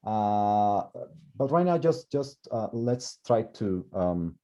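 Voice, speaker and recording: The muffled lo-fi recording features a male language teacher working through a grammar explanation in class. He takes it slowly, with a warm, expressive, lowish voice, and thinks out loud, often repeating words and starting over.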